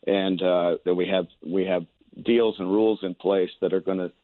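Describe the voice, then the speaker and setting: Here an American man, a candidate guesting on radio, answers questions at a normal speed through a telephone. His low voice keeps a fairly even intonation, recorded dry over a narrow, tinny line. He uses down-home stump-speech phrasing and repeats himself hesitantly.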